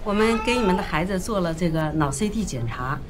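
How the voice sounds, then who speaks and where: Actress as a blunt, low-voiced doctor. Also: female voice, lively intonation, a little fast, background noise, lightly acted. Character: blunt doctor giving bad news.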